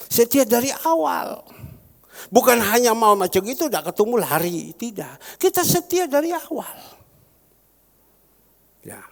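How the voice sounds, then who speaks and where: A man preaching as a pastor, repeating phrases fervently and rising to sudden loud peaks. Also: a little high, gravelly. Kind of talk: sermon. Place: large church hall. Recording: long church-hall reverb.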